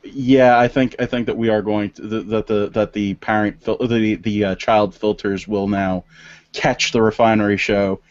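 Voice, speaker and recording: A man's voice: lowish voice, level tone, moderate pace, dry recording. A man hosting a political podcast, talking in a rambling way with many stammered restarts. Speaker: podcast host. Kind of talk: casual political podcast chat. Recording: dry, dull lo-fi sound.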